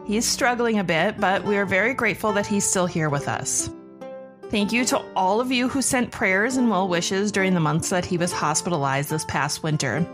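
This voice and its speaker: A woman's voice: medium pitch, normal speed, music in the background. A woman hosting a podcast, reading scripted narration. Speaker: podcast host.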